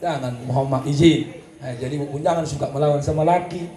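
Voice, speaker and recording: A man's voice: a little high, brisk. A man preaching a comedic sermon at a religious celebration, with a North Sumatran accent, joking and acting out quarrels between couples. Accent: North Sumatran Indonesian. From North Sumatra, Indonesia. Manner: lively, joking, acts out quarrels, sings snatches. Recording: echoey hall with faint noise.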